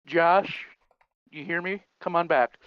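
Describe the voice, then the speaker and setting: A man making a solemn, drawn-out ceremonial call over CB radio, with muffled radio sound. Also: a little high, clean tone, no echo. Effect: CB radio transmission. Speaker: trucker giving a memorial final call.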